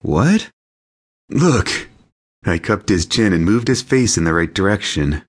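A man narrating a romance audiobook in first person, in a lively, amused storytelling manner. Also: low voice, normal speed.

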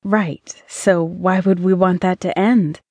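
A woman's voice: lowish voice, fairly even intonation, takes it slowly, a little mellow, slightly rough, dry recording, exaggerated voice. A woman voicing a hopeful, romantic young woman in an audiobook, speaking earnestly and pleadingly.

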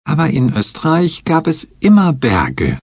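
A male narrator putting on a naive, stubborn young woman's voice in a storybook audiobook. It comes out high, sulky and petulant, swinging widely in pitch over a husky grain. The sound is close and dry. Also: huge pitch swings, unhurried, a little mellow, dry recording, exaggerated voice.

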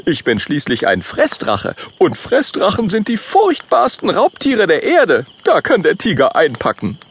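A man's voice: high voice, wildly swooping pitch, a little slow, fairly bright tone, slight background noise, pitched above the performer's own voice, exaggerated voice. A man doing a brash bragging dragon boy. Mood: boastful. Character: boastful young male eating-dragon.

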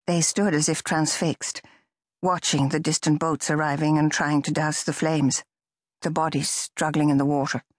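A woman narrating a novel in a measured, even storytelling manner. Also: sits low, dry recording, clean studio sound. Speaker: audiobook narrator. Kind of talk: scripted narration.

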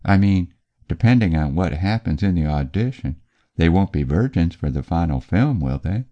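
A man's voice: low-pitched, lively intonation, normal speed, dark tone, highs cut off. A man voicing a bold, dominant young woman in an audiobook, with a raised voice. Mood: assured.

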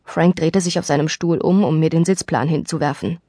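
A woman reading a first-person story as an audiobook narrator, expressive and lively, on a dry studio microphone. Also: low-pitched, brisk, dry recording.

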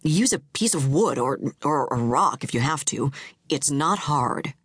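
A cold, controlling young husband, as a woman narrator puts him on, speaking low and slow in a flat, hushed tone. The voice is deep for a woman and sits dry and close. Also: breathy edge, no echo, exaggerated voice.

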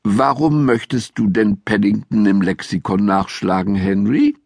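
A man's voice: on the low side, lively intonation, measured pace, creaky, a little mellow, no room sound, clean studio sound, exaggerated voice. A man voicing a kindly mother of the family in a children's audiobook, with an indignant manner. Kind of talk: audiobook character voice.

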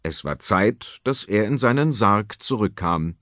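A man narrating a children's story in a lively, expressive way. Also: fairly low pitch, unhurried, no echo. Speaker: audiobook narrator. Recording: dry studio audiobook.

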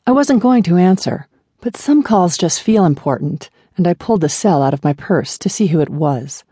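Warm, low-voiced woman narrating a memoir. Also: animated, moderate pace, husky, no room sound, studio quality. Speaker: audiobook narrator.

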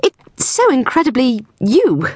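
A woman voicing a gushing, flamboyant female PR agent in an audiobook, with an effusive, theatrical, drawn-out delivery. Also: sits high, wildly swooping pitch, a little mellow, no room sound, studio quality, pitched above the performer's own voice, full character voice. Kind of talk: audiobook character voice.

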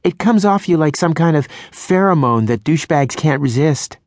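A male narrator voicing a playful young woman who teases her friend in a high, lilting voice. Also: lively intonation, moderate pace, no room sound, studio quality. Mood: teasing. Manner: teasing, giggly high voice. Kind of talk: audiobook character voice.

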